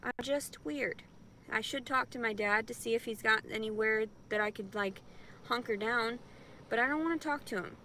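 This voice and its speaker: A woman's voice: a little high, moderate pace, pushed and bright, a little hiss or hum. A distressed woman ranting tearfully and repetitively to her camera in a vlog, in pain and upset. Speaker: vlogger. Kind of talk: emotional vlog rant.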